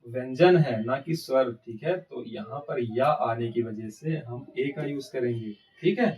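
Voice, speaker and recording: A man's voice: medium pitch, unhurried, darkish tone, distant mic, poor audio. Man teaching grammar with rhetorical questions. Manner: asks rhetorical questions and answers them himself. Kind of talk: classroom-style grammar lesson.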